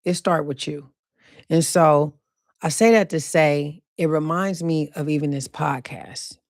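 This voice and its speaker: A woman hosting her own podcast, talking casually and loosely about faith, slowing down to repeat her key points with emphasis. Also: deep voice, no echo, studio quality. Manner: slow emphatic repetition of key phrases, casual and profane. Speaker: podcast host. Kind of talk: casual faith-themed monologue.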